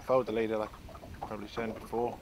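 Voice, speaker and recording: A fishing guide in his sixties chats from a small boat on a lake, walking through his tackle setup as an outdoor how-to. His voice is fairly low and fast with little pitch movement, and he restarts often while explaining. Wind and water noise fill the recording.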